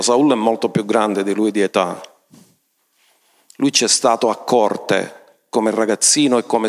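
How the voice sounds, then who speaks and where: A man preaching a sermon, retelling scripture and stressing points by raising his voice. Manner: emphatic, often rising in pitch for stress; storytelling, retells scripture with commentary.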